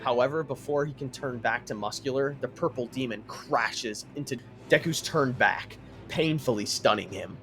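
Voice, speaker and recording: A man narrating a fan story in a dramatic, lively way. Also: medium pitch, moderate pace, hardly any pauses, faint music behind.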